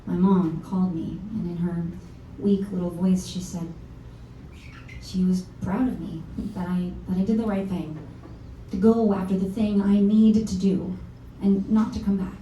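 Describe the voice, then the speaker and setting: During a live reading at a small venue, the sole performer of a musical plays a blunt, self-deprecating thirtyish songwriter who's come back home, confiding wryly and swearing freely in a very dark, mellow voice. Her mid-range tone stays steady at a measured pace, close to everyday speech. She sounds far off in a roomy space, with a faint instrument and slight background noise.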